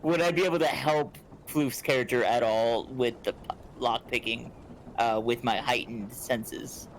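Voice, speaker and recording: A man's voice: medium pitch, measured pace, slight background noise, low-quality recording. Blunt young man player on voice chat. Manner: blunt, swears freely. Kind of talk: casual voice-chat game banter. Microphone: home microphone on voice chat.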